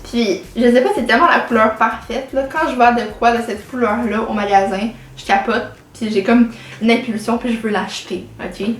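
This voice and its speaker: This Québécois teen, late teens, vlogs in a fairly high, steady voice at a moderate pace, filling her casual talk with hesitations and anglicisms. There's a little hiss or hum on the recording, plus room echo and faint music.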